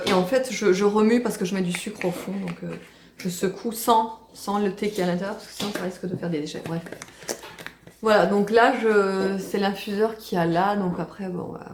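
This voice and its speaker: A woman's voice: medium pitch, steady tone, moderate pace, reverberant, a little hiss or hum. A woman chatting casually to the camera in a home vlog, full of fillers and restarts. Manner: chatty, many fillers and restarts, fond baby talk to pets and baby. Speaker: family vlogger.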